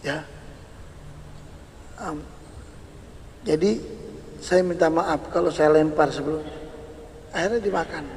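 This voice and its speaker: A man delivers a sermon in a raised, gravelly voice. He tells the story with animation and hammers key words through repetition. His voice rings with a long reverb, as in a large hall. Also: a little high, slow, pauses often, a little mellow, a little hiss or hum. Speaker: preacher.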